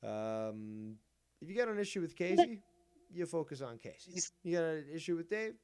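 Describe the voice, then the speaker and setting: A man's voice: a little high, big pitch swings, moderate pace, darkish tone, smooth. A man hosting a livestream, announcing in a theatrical way and swearing crudely. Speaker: stream host. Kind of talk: livestream drama talk.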